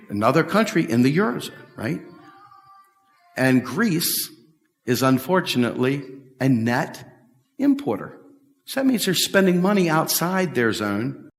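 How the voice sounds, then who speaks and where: In a large, bright hall with windows, a middle-aged man with a mid-range voice stands before a stage table at a policy event, answering questions. He is animated and emphatic, repeating his points and making big hand gestures. The recording is echoey and captured from far away.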